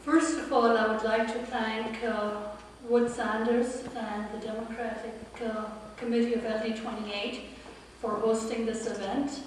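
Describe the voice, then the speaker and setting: A woman's voice: on the high side, little pitch movement, a little slow, a little hiss or hum. Woman, 50s, candidate at a forum; earnest with dry humor; recorded from far off in an echoey room. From India and Pakistan. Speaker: political candidate. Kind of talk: campaign speech.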